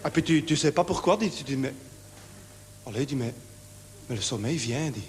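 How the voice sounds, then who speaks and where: A man's voice: medium pitch, lively intonation, moderate pace, in a large hall, slight background noise, natural voice. An actor playing a nervous, naive, lonely insomniac man on stage, rambling with a Belgian French accent and constant verbal tics. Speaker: stage comedian. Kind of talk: one-man stage show. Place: theatre stage with live audience.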